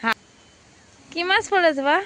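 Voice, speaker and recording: A hoarse woman vlogging her village life outdoors, chatting and asking her family questions as she goes. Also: extremely high pitch, lively intonation, normal speed, bright, forceful tone. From Bengal. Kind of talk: casual narration of daily life.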